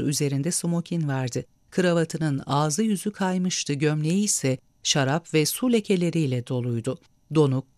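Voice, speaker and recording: A man narrating a story aloud with an expressive, measured reading. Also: on the high side, dry recording, clean studio sound.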